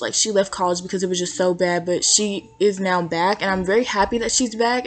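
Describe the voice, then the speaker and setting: Young female student podcaster, casual solo monologue from a dorm room, chatty and filler-heavy. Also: mid-range voice. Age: young adult.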